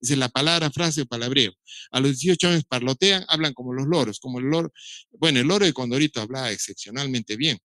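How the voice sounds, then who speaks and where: A middle-aged doctor gives a recorded lecture on how children learn to speak, his mid-range voice quick and sharp in a dry recording. He explains things step by step, imitating baby sounds and adding touches of dry humor.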